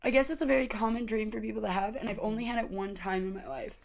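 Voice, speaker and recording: A woman's voice: a little high, steady tone, fast talker, vocal fry, highs cut off. A woman chatting casually and conversationally as the co-host of a show. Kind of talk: casual chat.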